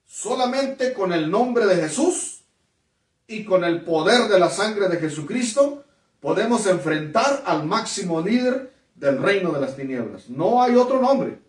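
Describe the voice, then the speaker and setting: A man with a somewhat high voice delivers an emphatic testimony sermon, stumbling over fillers and repeated words. He stands away from the microphone, and his voice rings in an echoey room. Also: expressive, unhurried, recorded from a distance. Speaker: preacher.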